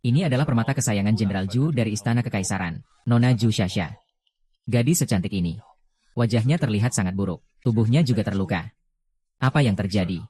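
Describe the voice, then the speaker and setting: Male dubber, low voice, flat even read for all roles. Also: fast talker. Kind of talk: dubbed drama dialogue.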